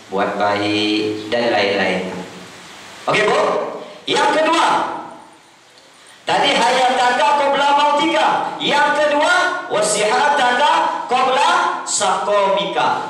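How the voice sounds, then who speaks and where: A man preaching to a congregation, jumping between loud high calls and low muttered asides and often asking the listeners to agree. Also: slight background noise. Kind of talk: sermon. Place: prayer hall. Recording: echoey hall, mic far off.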